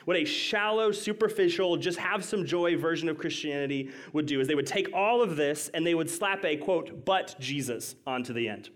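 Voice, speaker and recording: A young adult man preaching a sermon to a congregation, conversational, dropping to quiet reflective moments and rising to emphatic, higher-pitched questions. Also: normal speed, hardly any pauses. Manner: conversational, swings between soft reflective lows and raised emphatic highs. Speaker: pastor. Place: church hall with congregation.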